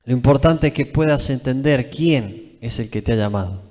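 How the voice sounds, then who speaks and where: A man's voice: medium pitch, normal speed, darkish tone. A young man with an Argentine accent preaching emphatically at a live church service, often tagging his phrases with a questioning "eh". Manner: emphatic, repetitive, tags phrases with "¿eh?". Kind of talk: live sermon. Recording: reverberant church hall.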